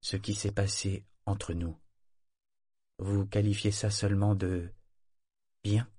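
A man voicing a tender, soft-spoken male lover in a low, hushed murmur. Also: flat delivery, slow pace, no room sound, studio quality. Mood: earnest.

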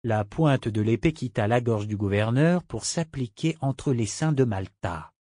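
A man narrating an adventure audiobook in a measured, expressive reading. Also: medium pitch, no echo, studio quality. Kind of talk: scripted narration.

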